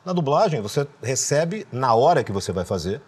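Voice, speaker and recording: Middle-aged man, Brazilian accent, lively expressive pitch, relaxed interview talk. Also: moderate pace, husky. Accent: Brazilian Portuguese. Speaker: guest, voice actor. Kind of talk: casual interview chat.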